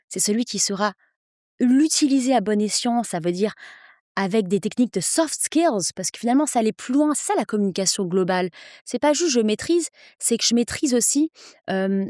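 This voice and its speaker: A woman in her thirties, an English coach, speaking persuasively as a podcast guest, with energetic quick bursts. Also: mid-range voice, no room sound, studio quality. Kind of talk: podcast interview.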